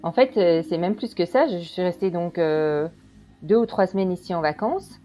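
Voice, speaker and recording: Woman guest, low, mellow voice, unhurried chat. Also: soft background music. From Belgium. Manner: relaxed, hesitant, with many fillers. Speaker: interview guest. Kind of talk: casual storytelling.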